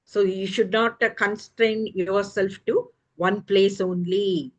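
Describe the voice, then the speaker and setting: Woman, teacher, lecture, slow pace, explanatory, tag questions. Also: mid-range voice, level tone, low-quality recording. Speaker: early childhood education teacher. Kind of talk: lecture with storytelling demonstration.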